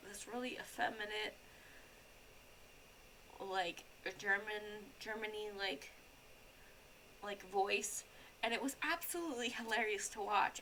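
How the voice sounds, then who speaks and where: A young woman live-streaming a game, rambling in easy, casual talk full of "like" and restarts. Her voice sits at an ordinary pitch, and a faint hiss of background noise runs under it. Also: bright, forceful tone, low-quality recording. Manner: rambling, chatty, lots of "like" and restarts. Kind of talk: casual live-stream chatter while gaming.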